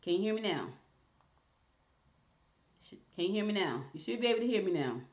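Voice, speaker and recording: Woman host, chatty live-stream interviewer, average pitch, dull lo-fi audio. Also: big pitch swings, brisk, darkish tone. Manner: chatty, talks to viewers while fixing tech. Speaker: show host.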